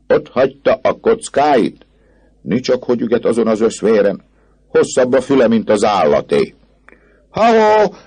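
A man voicing a rowdy crowd of young male students who shout mocking taunts in a much higher, louder voice than his narration. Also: breathy edge, exaggerated voice.

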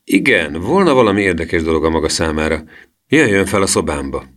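A kindly middle-aged police inspector, done by a man reading the story, firm but good-humoured. His voice sits a little above the reader's deep own tone and moves lively through each sentence. It has a warm, avuncular storybook feel. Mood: explaining.

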